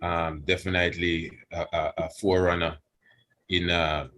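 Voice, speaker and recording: A man giving a reverent religious address as a priest, in Rastafarian speech, halting and deliberate, repeating phrases for emphasis. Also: deep voice, little pitch movement, fairly bright tone.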